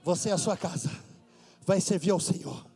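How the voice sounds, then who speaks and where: A man with a Brazilian Portuguese accent preaching fervently at a church service, shouting and chanting repeated phrases. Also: sits high, normal speed, creaky, faint music behind. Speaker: pastor.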